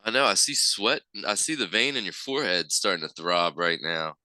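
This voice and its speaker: A man's voice: low voice, animated, moderate pace, bright, forceful tone, dry recording, rough recording. A man co-hosting a podcast, reading news articles aloud steadily and sometimes stumbling over long terms. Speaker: podcast co-host.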